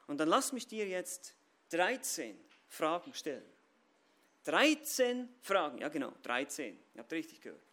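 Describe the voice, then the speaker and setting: A man preaching a sermon and speaking straight to his listeners. He swings between loud stressed phrases and quiet low asides. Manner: addresses listeners directly.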